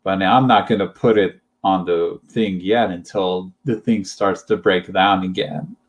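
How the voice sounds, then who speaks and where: Slow rambling young man. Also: sits low, fairly even intonation. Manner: hesitant, rambling, many fillers and giggles. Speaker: channel host. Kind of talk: casual chat.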